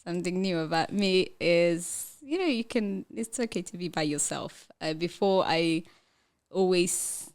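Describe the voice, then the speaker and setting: Speaking a little slowly in a lowish voice, a woman from Ethiopia, later based in the Netherlands, appears as a podcast guest. She is somewhere between young and her thirties, keeps the interview casual, and often breaks out laughing.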